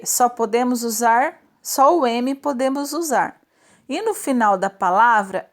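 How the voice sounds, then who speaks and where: Slow, patient woman teacher. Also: fairly high pitch. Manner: slow, patient, stretches out example words; checks in often with tag questions. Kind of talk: portuguese spelling lesson for children.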